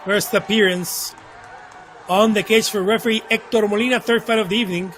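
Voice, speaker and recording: A man calling a live MMA fight as play-by-play commentator, in an emphatic, excitable delivery. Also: sits high, a little fast, slight background noise. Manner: emphatic, excitable, short clipped calls. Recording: live broadcast over music and crowd. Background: music and crowd.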